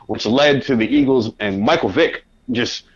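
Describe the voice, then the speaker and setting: A man, a podcast guest and sports writer, telling animated anecdotes in a conversational way. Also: mid-range voice, moderate pace, breathy edge, highs cut off. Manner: animated anecdotes, acts out his own past reactions. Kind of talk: conversational storytelling.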